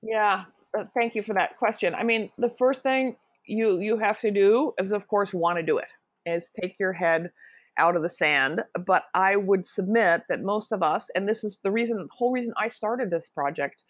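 A woman's voice: mid-range voice, normal speed, no echo. Woman in her sixties, muffled lo-fi audio. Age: 60s. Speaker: author and guest. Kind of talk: interview answers. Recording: dull, lo-fi, dry sound.

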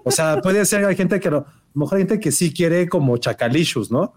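A man's voice: on the high side, normal speed. A man co-hosting a casual film podcast, joking and riffing on regional accents. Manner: joking, animated, plays with accents. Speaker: co-host.

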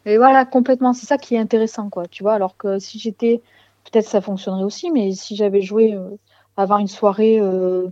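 A woman's voice: mid-range voice, steady tone, brisk, warm tone, no room sound, muffled recording. A woman answering as a musician in a casual interview, hesitantly searching for words.

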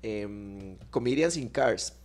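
A man's voice: fairly low pitch, expressive, takes it slowly, a little mellow. A young Costa Rican man chatting casually on a podcast, telling a rambling story with restarts and little sound effects. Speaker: podcast co-host. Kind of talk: casual chat.

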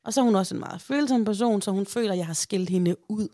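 A woman in her thirties telling a story in a casual chat, lively and animated, often acting out what others say. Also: medium pitch, no room sound, clean studio sound. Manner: chatty, animated, acts out quotes. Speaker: podcast host.

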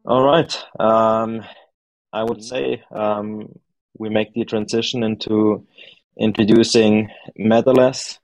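A man's voice: fairly low pitch, little pitch movement, slow pace, a little mellow, no room sound, soft background music, rough recording. A man hosting a podcast interview, asking loose questions with fillers. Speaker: podcast host.

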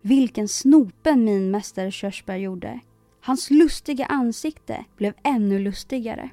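A woman reading a children's fairy tale aloud in an expressive storyteller style. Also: on the high side, no echo, faint music behind. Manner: expressive, emphatic repetition.

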